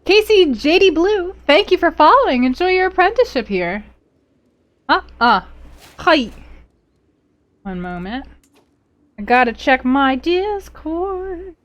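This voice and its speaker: A woman streams a strategy game live, and her voice sits high and swoops widely as she talks. She reads event text aloud in a storytelling way, then breaks into playful outbursts and chats with viewers. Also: lively intonation, unhurried, long pauses. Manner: playful, exclaims loudly and talks to chat.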